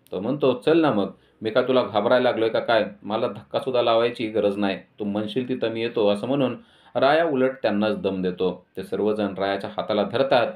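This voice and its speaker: A man retells a TV serial episode in a dramatic voice-over, lightly voicing the characters he quotes. His voice sits on the low side. The recording carries a noticeable roomy echo. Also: a little mellow. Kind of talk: voice-over story recap.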